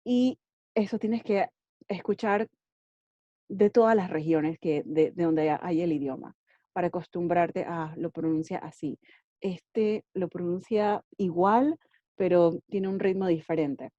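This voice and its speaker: A woman with a fairly low, warm voice speaks at a measured pace, recorded without echo and with the highs trimmed. As an English teacher, she shares casual advice on learning languages in a friendly way, often checking "ok?" and dropping in English words.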